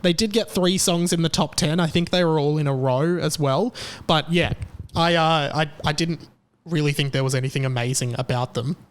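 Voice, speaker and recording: Talking at normal speed with a fairly high, clear and resonant voice, a thirty-something Australian man runs a casual solo podcast. He's rambling and self-deprecating, stumbling through lots of fillers and restarts.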